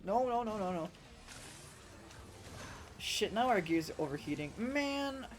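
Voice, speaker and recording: A woman game streamer with a sore, rough throat, chatting in a rambling, casual way and swearing freely while she plays. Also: fairly low pitch, lively intonation, unhurried, soft background music. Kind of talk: casual let's-play commentary.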